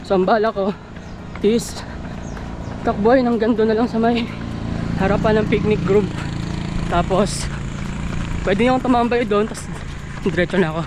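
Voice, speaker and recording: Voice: mid-range voice, fairly even intonation, normal speed, long pauses, noisy background. A Filipino runner vlogging outdoors while running, out of breath, talking casually to viewers in short, upbeat bursts of self-encouragement. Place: outdoors along a roadside.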